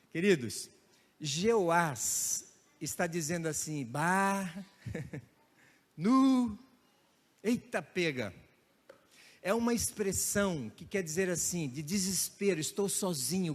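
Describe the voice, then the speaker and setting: A male pastor preaching to his congregation in a church hall, his voice high for a man. He tells lively stories, mimicking regional sayings with a chuckle, and a long reverb trails each phrase. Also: slow pace, pauses often. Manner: storytelling with playful regional imitations and laughter. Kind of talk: sermon.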